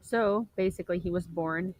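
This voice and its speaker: A young woman presenting a literature lesson for a class, explaining step by step, rephrasing often and clearing her throat now and then. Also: lowish voice, darkish tone, no echo, rough recording. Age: young adult. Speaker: student presenter.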